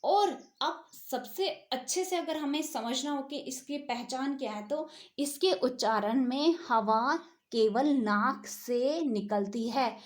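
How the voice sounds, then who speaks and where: A woman's voice: high voice, takes it slowly. A woman teaching a grammar lesson, asking herself questions and repeating key words as she explains.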